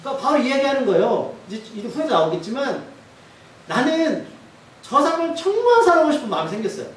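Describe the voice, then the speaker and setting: Animated high-voiced male pastor, echoey. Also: quick pace. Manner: lively, questioning the congregation. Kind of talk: sermon. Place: church sanctuary. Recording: echoey church hall from far off.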